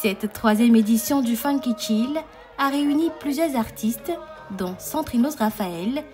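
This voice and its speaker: Polished woman narrator over music. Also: fairly high pitch. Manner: measured, polished. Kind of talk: scripted narration. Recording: music bed under voice.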